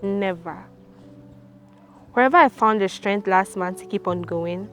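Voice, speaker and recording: A woman from Ghana, reading her own novel aloud in a measured, sombre first-person narration. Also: medium pitch, a bit bright. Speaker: author. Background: background music.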